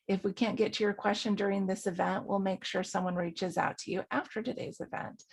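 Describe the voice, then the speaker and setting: A woman's voice: medium pitch, slightly rough. Woman, webinar host, scripted formal reading, occasional slips. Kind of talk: scripted webinar introduction with disclaimers.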